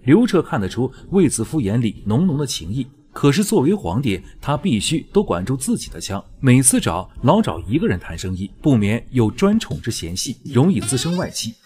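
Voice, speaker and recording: A man's voice: medium pitch, very animated, normal speed, few pauses, darkish tone, breathy edge. A man narrating a drama recap as joking, colloquial, scripted storytelling commentary. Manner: wry, colloquial, playful.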